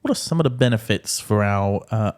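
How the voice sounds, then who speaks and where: A man's voice: fairly low pitch, a little fast, clear, resonant tone. A man co-hosting a music podcast, chatting casually and joking a lot. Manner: joking, animated, laughs often. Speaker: podcast co-host. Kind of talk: casual banter.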